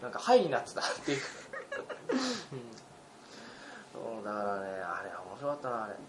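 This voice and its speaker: A young man in his twenties co-hosting a casual podcast chat, an animated storyteller who laughs often and acts out the lines of the people in his stories. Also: medium pitch, normal speed. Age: 20s. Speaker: podcast co-host. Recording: roomy recording with faint background hiss.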